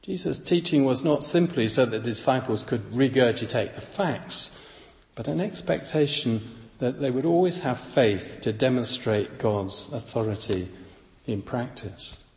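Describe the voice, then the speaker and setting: Slow, reflective man preaching in an echoey hall. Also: mid-range voice, a little mellow. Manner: measured, reflective reading. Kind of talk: devotional Bible reflection.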